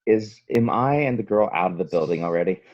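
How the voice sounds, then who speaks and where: A man's voice: low-pitched, lively intonation, fairly quick, darkish tone. A man playing in an online tabletop game who jumps in eagerly with questions. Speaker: player. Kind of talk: casual tabletop play. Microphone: online voice call. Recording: dull lo-fi online call audio.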